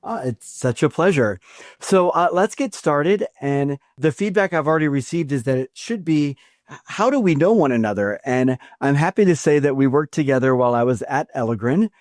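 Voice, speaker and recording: A man's voice: fairly high pitch, animated, normal speed, a little mellow, no room sound, studio quality. A man hosting a podcast, reading a scripted opening and then chatting with a guest in a friendly way, with some fillers and restarts. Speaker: podcast host. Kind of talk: podcast interview.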